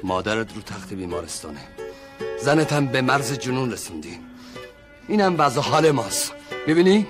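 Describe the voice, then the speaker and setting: A bitter man in a TV drama lashes out with sarcasm and reproach in a mid-range voice. Dramatic music plays clearly under him. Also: fairly low pitch, big pitch swings, long pauses. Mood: reproachful. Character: bitter angry family man confronting a relative. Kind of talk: television drama acting.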